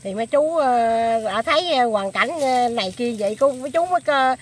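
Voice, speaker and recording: An older woman interviewed outdoors, speaking haltingly with many fillers. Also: high voice, expressive, breathy edge.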